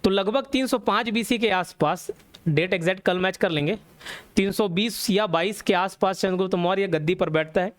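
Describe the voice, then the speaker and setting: Telling a historical story in class and questioning students as he goes, this exam coaching teacher speaks in a high voice at normal speed. There's no echo on the recording.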